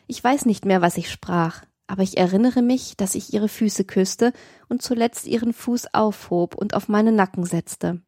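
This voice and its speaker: An audiobook narrator with a warm, mid-range voice reads a scripted text at a moderate pace. The studio sound is clean, with no echo.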